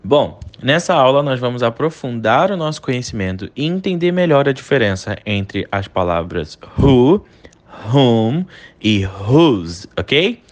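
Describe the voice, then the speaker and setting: A man with a Brazilian Portuguese accent teaching an online English lesson, repeating example phrases slowly for his students to copy. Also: mid-range voice, very animated.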